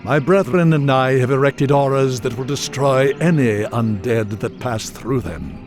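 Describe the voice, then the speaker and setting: An actor playing a dignified old wizard in a video game, grave, measured and disapproving. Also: male voice, medium pitch, music in the background, close to an everyday voice. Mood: stern warning. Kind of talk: dramatic video game acting.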